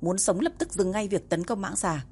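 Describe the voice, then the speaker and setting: A woman's voice: mid-range voice, lively intonation, normal speed, a little mellow, slightly rough. A woman voicing a cold, commanding male warrior prince who speaks in curt threats. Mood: threatening.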